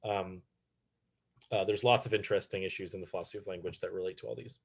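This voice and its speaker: A man teaching a philosophy lecture in a relaxed, chatty way, with many fillers and restarts. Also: sits low, fast talker, creaky, slightly rough. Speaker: philosophy instructor. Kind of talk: recorded online lecture.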